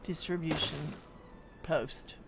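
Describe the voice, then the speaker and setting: A woman's voice: sits low, steady tone, slow, noisy background. A woman streaming a city-building game, thinking aloud as she plays, with plenty of hums and ums. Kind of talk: live gameplay commentary.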